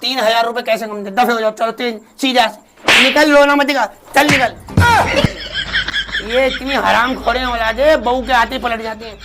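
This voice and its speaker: A man's voice: very high-pitched, fairly even intonation, moderate pace, background noise. A man playing a wealthy, fierce old mother-in-law in a comedy sketch, scolding and pleading melodramatically. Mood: furious.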